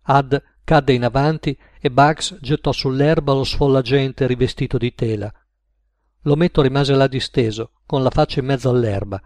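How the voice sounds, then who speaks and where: A man narrating an audiobook story in a steady, measured manner. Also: medium pitch, no room sound, studio quality.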